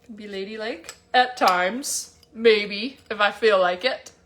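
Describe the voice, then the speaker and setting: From her home kitchen, a bubbly cooking demo host and cookware sales consultant chats with viewers during a casual live show. She speaks slowly in a mid-range, fairly bright voice.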